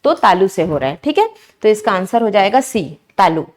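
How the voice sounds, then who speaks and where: A woman's voice: medium pitch, sing-song, fairly quick. A woman teaching an exam-prep lesson, explaining each answer step by step and constantly asking her students questions.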